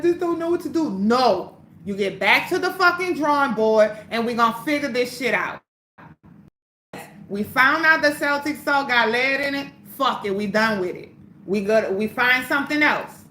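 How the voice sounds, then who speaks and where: A woman's voice: a little high, bright, forceful tone, echoey room, slight background noise. A woman hosting a casual livestream, talking bluntly and profanely to her viewers. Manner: blunt, profane, fired-up pep talk. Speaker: livestream host.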